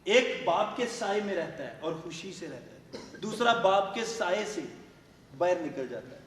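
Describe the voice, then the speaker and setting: A male pastor preaching a fervent sermon. He keeps asking the congregation questions and suddenly shouts certain words for emphasis. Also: sits high, lively intonation. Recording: echoey hall, voice far from the mic.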